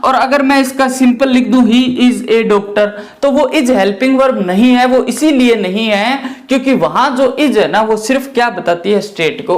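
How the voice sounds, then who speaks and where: Man teaching grammar. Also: sits high. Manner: explains step by step, often asks and answers his own questions. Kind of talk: classroom lecture.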